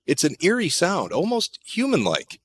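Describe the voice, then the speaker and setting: A man's voice: high voice, wildly swooping pitch, normal speed, fairly bright tone, breathy edge, dry recording. A man narrating a campfire horror tale in second person, dry and sardonic, with crude joking asides.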